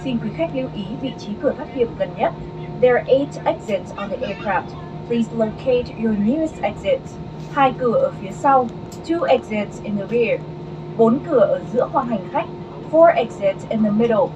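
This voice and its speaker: A woman's voice: fairly high pitch, animated, moderate pace. A woman flight attendant giving a formal, scripted cabin safety announcement. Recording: muffled, noisy aircraft cabin speaker. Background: clear aircraft cabin noise.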